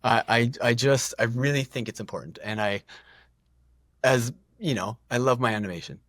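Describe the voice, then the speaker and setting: A man's voice: mid-range voice, moderate pace, a bit bright, no room sound. A middle-aged man talking as a podcast guest, rambling and self-deprecating, with frequent restarts and laughs. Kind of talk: casual podcast conversation.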